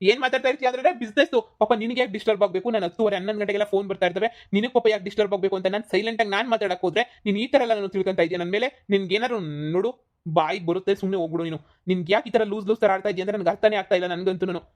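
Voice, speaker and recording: A woman voicing a short-tempered middle-aged husband, scolding rapidly in a cartoon comedy. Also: mid-range voice, a little mellow, natural voice. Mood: angry. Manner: scolding, rapid, repeats insults.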